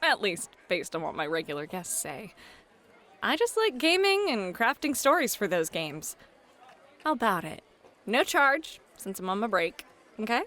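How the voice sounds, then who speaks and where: In an ASMR roleplay, a woman acts as a friendly, flirty club hostess who runs tabletop games, serving as host and dungeon master. Her mid-range voice is sing-song, bright and forceful at a normal speed, and she is chatty and playful. Some chatter can be heard behind her.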